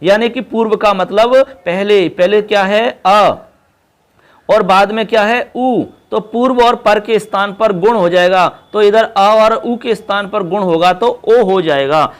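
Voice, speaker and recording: Guy teaching grammar lesson, fairly high voice, goes over each rule step by step. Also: a little slow. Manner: explains step by step, repeats key terms, addresses students as children. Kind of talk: exam-prep lesson.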